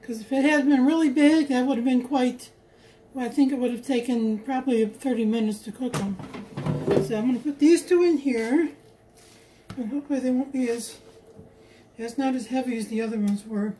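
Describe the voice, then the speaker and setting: Home cook woman, high voice, chatty cook-along, noisy phone recording in a kitchen. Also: normal speed, warm tone. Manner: chatty, homey, talks to viewers while cooking. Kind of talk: casual cook-along narration. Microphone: phone camera held while cooking.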